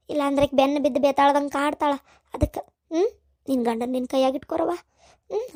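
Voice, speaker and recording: Woman doing a fussy cartoon mother-in-law, north karnataka kannada accent, high voice, nagging advice. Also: a little mellow. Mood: coaxing. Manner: nagging, instructing. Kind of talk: cartoon voice acting.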